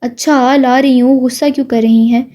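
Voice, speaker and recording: A woman's voice: sits high, level tone, warm tone, close to an everyday voice. Woman voicing a sassy teenage girl. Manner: sassy, mocking. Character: cheeky teenage girl, sassy younger sister.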